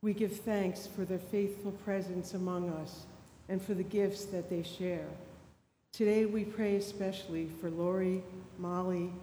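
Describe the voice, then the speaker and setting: A woman reading intercessory prayers slowly and deliberately, her voice carried by a cathedral echo. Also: steady tone, dark tone. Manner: slow, deliberate reading of names and petitions. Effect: cathedral echo, voice ringing through a large church. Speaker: prayer leader. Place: large church sanctuary. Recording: echoey church hall, distant mic, faint rumble.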